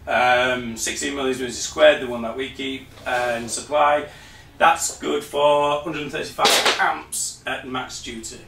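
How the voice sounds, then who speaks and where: A man's voice: medium pitch, steady tone, a little slow, creaky, noisy background. Man explaining, roomy distant sound. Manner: hesitant, many fillers and restarts, explaining patiently. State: slightly losing his voice. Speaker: presenter of a parts store video. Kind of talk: unscripted technical demonstration. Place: shop or workshop room.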